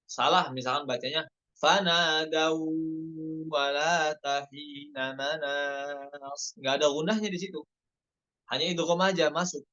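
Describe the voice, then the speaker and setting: A man teaching Quran recitation rules in an online lesson, explaining each rule and then reciting the examples slowly. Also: a little high, pushed and bright, highs cut off. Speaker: tajwid teacher.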